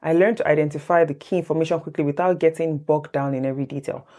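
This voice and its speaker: A fast-talking, low-pitched woman in her thirties vlogs about exam tips by telling her own story to the camera. She speaks English natively, chats in an animated way, laughs easily, and calls her viewers "guys."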